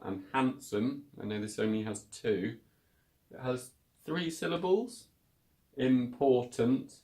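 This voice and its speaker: A male English teacher from the United Kingdom walks beginners through a grammar lesson. He talks at an unhurried, measured pace, repeating key words so learners can follow along. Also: medium pitch, darkish tone.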